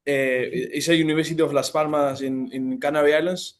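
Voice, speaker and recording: A man's voice: fairly high pitch, fairly even intonation, a little fast. A young man from Spain casually introducing himself as a student. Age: young adult. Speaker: intern, student.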